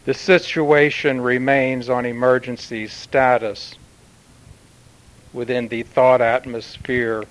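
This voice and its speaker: A man channeling a solemn male Martian commander who addresses Earth in formal, measured pronouncements with long pauses. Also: mid-range voice, flat delivery, natural voice, low-quality recording. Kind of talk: channeled spiritual message.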